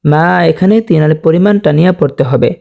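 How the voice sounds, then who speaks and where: A man's gravelly, mellow voice teaches Quran reading, letter by letter. He slows to long drawn-out recitation of the verses, then returns to plain explanation and asks his viewers questions he answers himself. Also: on the high side. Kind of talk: spelling-out Quran reading lesson.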